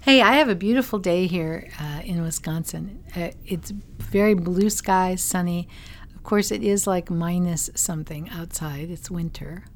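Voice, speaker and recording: A woman's voice: on the low side, unhurried, slight background noise. A woman co-hosting a podcast, chatting casually and teasing her partner as she explains design ideas. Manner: chatty, laughs easily, teasing. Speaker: podcast co-host. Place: home in Wisconsin.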